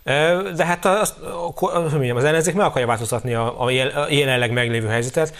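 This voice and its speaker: A man's voice: medium pitch, fairly bright tone. A man debating as a political analyst guest, wry and ironic, often stumbling and restarting his sentences.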